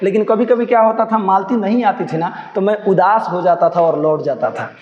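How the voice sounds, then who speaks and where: A man's voice: sits high, fairly quick, echoey room, in a large hall, highs cut off, slight background noise. A man with a Bihari accent explaining a textbook story line by line to students, reading passages and retelling them in local dialect. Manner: switches between textbook Hindi and Bhojpuri-tinged dialect, acting out quotes. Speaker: teacher.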